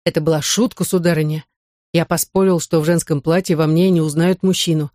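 A reader voicing a young male cadet in an audiobook, giving quiet, evasive replies. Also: medium pitch, steady tone, brisk, no room sound, clean studio sound, natural voice.

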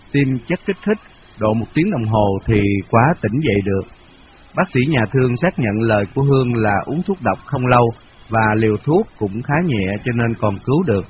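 Background noise sits under this dull, lo-fi radio-style recording. In it, a male narrator with a medium-pitched voice reads from a novel at an even, measured storyteller's pace.

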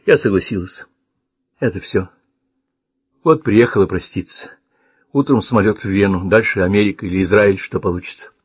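A man's voice: fairly low pitch, moderate pace, long pauses, husky, dry recording, studio quality. A man reading a resigned young niece. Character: young woman, niece, subdued and sad.

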